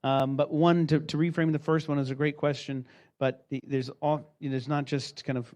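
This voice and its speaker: A man moderating a conference panel's question time, halting and filling pauses with ums. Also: on the high side, level tone, darkish tone. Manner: halting, many fillers and restarts.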